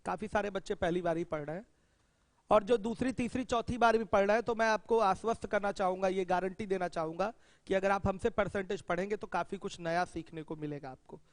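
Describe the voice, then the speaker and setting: A man's voice: sits high, dry recording, long reverb tail. A man teaching a maths class, quizzing students with questions as he explains. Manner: addresses students directly with questions, emphatic. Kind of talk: classroom lecture.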